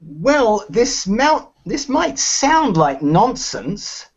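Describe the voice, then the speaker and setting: A man's voice: high-pitched, very animated, drawn-out words, slightly rough, full character voice. A man reading a worried husband over a dull call. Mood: plaintive. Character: worried husband whose cat is missing. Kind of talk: play reading for children. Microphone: video call. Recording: dull lo-fi video call audio.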